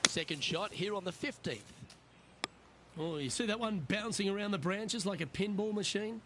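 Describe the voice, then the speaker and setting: A man's voice: high voice, normal speed, background noise, natural voice. A man playing the lead golf commentator in a video game, calling each shot in short running updates over outdoor ambience. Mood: composed, observant.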